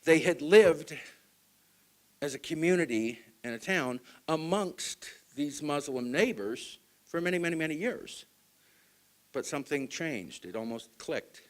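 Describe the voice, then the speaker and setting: A man from Utah giving a public talk to an audience, asking them questions and swinging between loud stresses and hushed asides. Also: a little high, animated, unhurried. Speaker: speaker at a group meeting.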